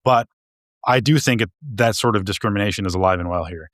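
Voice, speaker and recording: A podcast co-host with a lowish, fairly bright voice talks fast in a casual discussion, hesitating, restarting and repeating words. The sound is clean studio quality with no echo.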